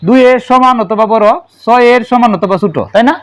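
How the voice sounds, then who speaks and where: A male math teacher with a Bangladeshi Bengali accent talks quickly in a very high voice. He runs a classroom lesson, firing questions at his pupils and echoing their replies back to them. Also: clear, resonant tone. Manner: asks the class questions and repeats their answers.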